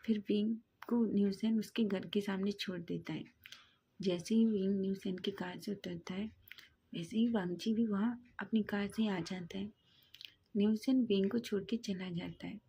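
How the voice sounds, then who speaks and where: A woman narrating a fan fiction love story aloud in steady storytelling. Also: mid-range voice, measured pace, vocal fry, husky.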